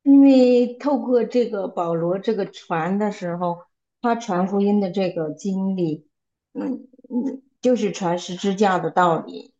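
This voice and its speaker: Woman member giving testimony at Bible study, halting with restarts, mid-range voice, somewhat dull recording. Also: medium pitch, mellow. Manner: halting, repeats and restarts words. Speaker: church member sharing testimony.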